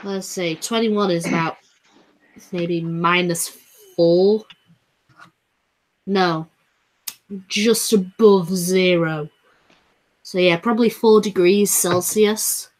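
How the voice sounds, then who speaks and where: A woman's voice: lowish voice, fairly even intonation, takes it slowly, pauses often, rough recording. An English woman hosting a casual voice chat on her stream, playful and laughing often. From England. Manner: playful, laughs often, slips into a mock Scottish accent.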